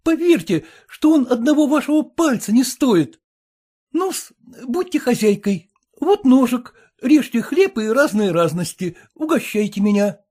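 A man's voice: very high voice, big pitch swings, unhurried, a little mellow, pitched above the performer's own voice, exaggerated voice. A man playing an earnest jealous suitor. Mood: pleading. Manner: earnest, pleading. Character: earnest jealous male suitor, fussy, self-satisfied.

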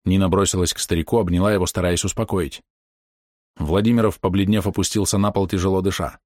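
A man reading an audiobook narration in a steady, even manner. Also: low-pitched, quick pace, no echo, clean studio sound.

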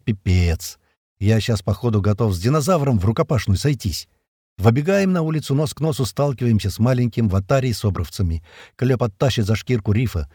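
Male narrator for a gritty action audiobook: dark, slightly raspy tone, dry close recording. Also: on the low side, dry recording. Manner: vivid, tense storytelling that voices the soldiers' shouts. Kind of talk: first-person action audiobook reading.

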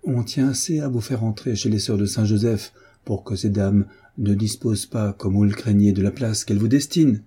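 A man's voice: fairly low pitch, normal speed, dark tone, breathy edge. A man doing an earnest pleading young woman.

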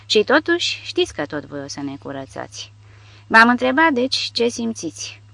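A man reading the part of a nervous condemned cavalry prisoner who asks quiet, pressing questions in an audiobook. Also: extremely high pitch, wildly swooping pitch, vocal fry, no echo, voice pushed up, full character voice. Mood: uneasy.

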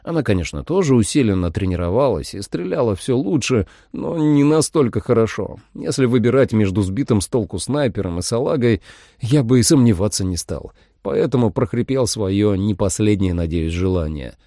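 A man narrating a first-person monster-hunting audiobook in a steady storytelling voice. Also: on the low side, moderate pace, dry recording, studio quality.

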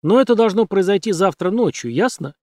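A man's voice: high-pitched, lively intonation, fairly quick, mellow, no echo, studio quality, pitched above the performer's own voice. A man voicing a tense, commanding male sorcerer in an audiobook.

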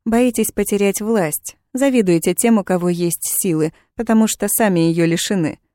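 A woman's voice: mid-range voice, moderate pace, a little mellow, no echo, studio quality, natural voice. A woman voicing a defiant young witch in chains, speaking with cool, mocking sarcasm. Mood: sarcastic.

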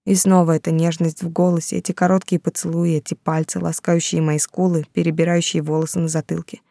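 Soft-spoken woman narrating an audiobook. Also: low-pitched, flat delivery, a little fast, gravelly, no room sound. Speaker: audiobook reader. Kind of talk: first-person audiobook narration.

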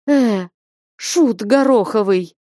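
A woman voicing a stern, hot-tempered old peasant father who shouts and thunders in a storybook reading. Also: lowish voice, very animated, slow pace, no echo, clean studio sound. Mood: gruff kindly.

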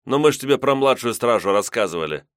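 A man's voice: mid-range voice, lively intonation, fast, a bit bright, no room sound, clean studio sound, voice pushed up, close to an everyday voice. A man voicing a scoffing middle-aged guard in an audiobook, dismissive and reassuring.

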